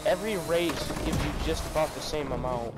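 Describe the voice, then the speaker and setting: A young man chatting casually with friends while playing a racing game, excited and swearing casually. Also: a little high, brisk, poor audio. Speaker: gamer recording a party chat. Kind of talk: casual chat over game play. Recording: game music under the voice.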